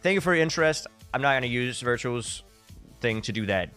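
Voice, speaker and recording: With music behind him, a Danish esports caster chats casually and calls the game live on his stream. His voice is medium-pitched, animated, fairly quick, and sharp in tone, and his humour is dry and tongue-in-cheek.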